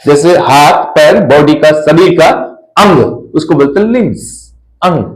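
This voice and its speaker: In a roomy, low-quality recording, a slightly high-voiced man gives an English pronunciation lesson. He says every word slowly more than once and spells each one letter by letter.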